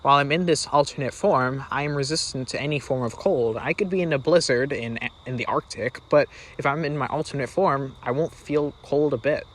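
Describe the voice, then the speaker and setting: A man voicing a calm, assured young sister explaining her magic, as part of fireside storytelling. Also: medium pitch, brisk, hardly any pauses, close to an everyday voice. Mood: confident, playful.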